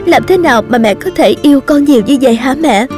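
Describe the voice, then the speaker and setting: A woman's voice: sits high, expressive, fast, music in the background. A woman voicing a remorseful teenage daughter pleading tearfully with her mother.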